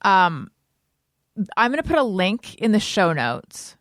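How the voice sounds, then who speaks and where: Brisk, playful woman podcast host. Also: mid-range voice, sing-song, a bit bright, dry recording, studio quality. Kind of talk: casual chat and announcements.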